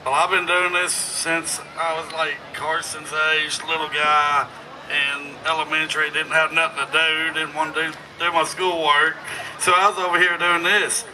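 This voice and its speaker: Man, slightly high voice, casual chat, slightly distant, outdoor stage. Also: flat delivery, moderate pace, background noise. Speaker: contestant. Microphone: handheld microphone held to him.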